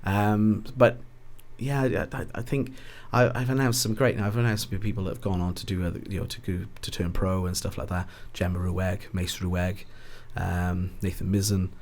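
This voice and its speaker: This podcast guest, a ring announcer from Ebbw Vale, South Wales, has a deep, slightly mellow voice and a level tone. He speaks at a normal speed with few pauses, but his Valleys-accented chat is hesitant, rambling and self-correcting.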